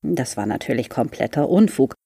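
A woman reads a children's book aloud in a library, telling the story in a calm and unhurried way. Her voice is very low, dark and husky, with a gravelly edge. The sound is dry and close. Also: no room sound. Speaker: library reader.

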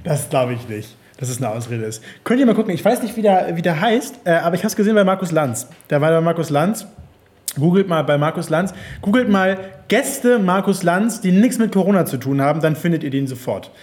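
A man's voice: high voice, animated, brisk, darkish tone. A man chatting casually on a podcast, rambling with restarts and frequent laughs. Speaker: podcast host.

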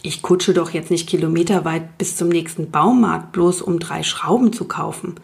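Woman voicing a gruff impatient dad. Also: fairly low pitch, moderate pace. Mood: grumbling. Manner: grumbling, turns conspiratorial and muttering. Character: impatient, gruff father building a treehouse.

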